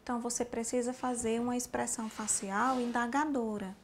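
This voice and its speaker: A woman teaching a sign language class, explaining each sign slowly and speaking straight to the learner. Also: a little high, steady tone, a little hiss or hum. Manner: slow, explanatory, addressing the learner directly. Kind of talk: spoken instruction for a sign language lesson.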